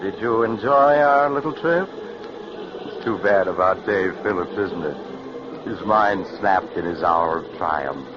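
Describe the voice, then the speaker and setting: Deep, sly Mysterious Traveler. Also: male voice, takes it slowly. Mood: sly, macabre. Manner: sly, genial menace. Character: wry, macabre, mysterious male traveler storyteller on a train. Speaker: host. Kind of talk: 1940s radio horror narration. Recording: noisy, muffled vintage radio recording.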